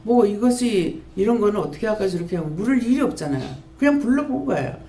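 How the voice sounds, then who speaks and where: A woman in her fifties with a Gyeongsang accent, giving an earnest sermon testimony as pastor of a prayer house. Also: fast. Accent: Gyeongsang Korean. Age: 50s. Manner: earnest, storytelling, lively pitch swings. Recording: echoey room with faint ambience.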